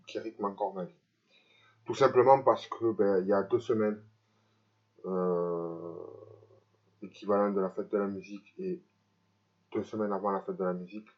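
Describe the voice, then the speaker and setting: Man, fairly deep voice, speech hampered by braces, halting personal vlog, dull recording. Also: darkish tone. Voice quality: speech slightly impeded by dental braces. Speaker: vlogger. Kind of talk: personal vlog confession to camera.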